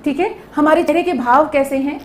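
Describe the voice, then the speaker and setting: A woman's voice: sits high, fairly quick, reverberant, soft background music. A woman giving a lecture, explaining step by step and often checking in with her listeners. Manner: explaining with repeated check-ins. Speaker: teacher.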